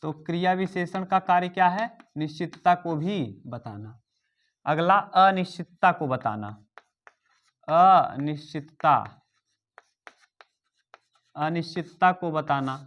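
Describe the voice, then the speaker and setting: A man's voice: fairly high pitch, expressive, measured pace, highs cut off. A male teacher giving an exam-prep grammar lesson, repeating key terms and quizzing and dictating to his students.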